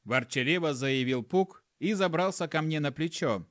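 A man narrating an audiobook in a brisk, sardonic manner, acting out his own lines. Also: on the high side, expressive, fairly bright tone, no room sound, clean studio sound.

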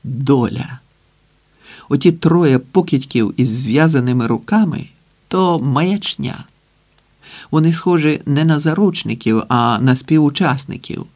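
A man reading a novel aloud as audiobook narrator, with measured, dramatic pacing. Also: on the high side, animated, darkish tone.

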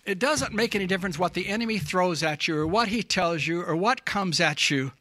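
A man's voice: high-pitched, animated, fairly quick, sharp tone, no echo, studio quality. A man preaching a sermon as pastor in a church, emphatic and often asking the congregation questions. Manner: gets emotional.

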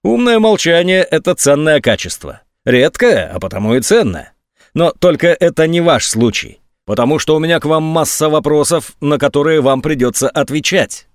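A sarcastic, scornful army general, put on by a man reading a story aloud, his voice pushed high and swinging widely as he mocks. Sneering and shrill at its peaks. Dry, close recording with no room sound. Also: very animated, a little fast, no room sound. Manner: mocking, sneering, sometimes shrill.

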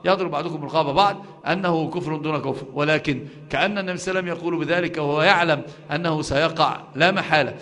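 Fast-talking Egyptian sheikh teaching a class. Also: male voice, fairly high pitch, fairly bright tone. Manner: emphatic, with frequent "aah" fillers and restarts, asks the class rhetorical questions. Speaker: religious teacher. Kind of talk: live classroom lecture on doctrine.

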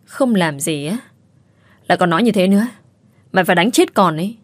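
A woman reading aloud plays a middle-aged mother who scolds with emphasis and a bossy temper. The voice sits low and the sound is dry and close, as in a spoken storybook. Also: expressive, a little fast, no echo. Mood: scolding.

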